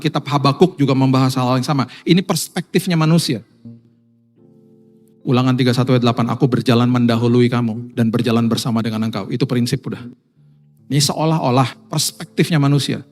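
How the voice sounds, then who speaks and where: A male pastor with an Indonesian accent preaching a sermon to his congregation, swinging between hushed, intimate passages and loud, emphatic ones. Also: medium pitch. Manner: addresses congregation as Bapak Ibu.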